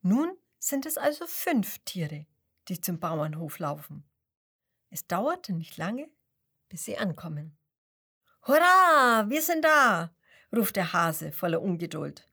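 A woman's voice: fairly low pitch, very animated, measured pace, creaky, slightly rough. A woman reading a children's story aloud, asking the young listener questions and whispering secrets.

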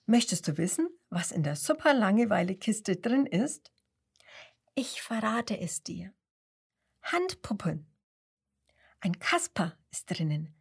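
A woman voicing a gentle, playful mother in a children's storybook reading. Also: medium pitch, big pitch swings, moderate pace, gravelly, few pauses, breathy edge, exaggerated voice.

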